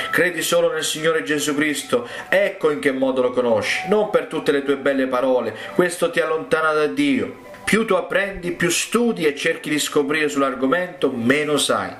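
A man's voice: medium pitch, a bit bright, reverberant. A man preaching a sermon, telling stories with emphatic rises to stress his points.

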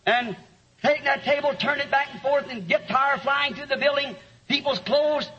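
A male preacher with a very high, bright voice tells stories at an unhurried pace, building up to shouted lines. The sermon features an interpreter. Its lo-fi recording leaves the sound muffled and dull.

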